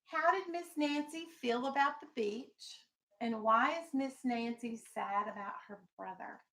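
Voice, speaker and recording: A female elementary school teacher runs a classroom reading lesson and read-aloud, posing questions and giving firm instructions to her pupils. Her voice is a little high and fairly bright, and she speaks at a measured pace.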